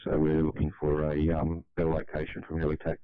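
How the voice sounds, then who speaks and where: A man's voice: a bass voice, completely flat delivery, fairly quick, smooth, no echo. A man working as a fire control operator, making brief procedural calls over two-way radio. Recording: tinny, narrow two-way radio.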